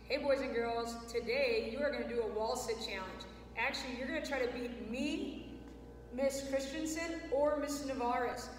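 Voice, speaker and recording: A woman's voice: sits high, moderate pace, a little hiss or hum. A woman gym teacher giving exercise instructions to children in a large indoor school gymnasium. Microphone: camera several metres away. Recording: very echoey gym, distant mic, music.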